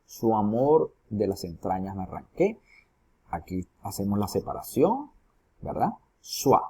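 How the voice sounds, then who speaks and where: A man's voice: on the low side, huge pitch swings, a little slow, dark tone, husky. A man teaching a recorded lesson, explaining each step and asking his students questions as he goes. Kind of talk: recorded lesson on poetry metrics.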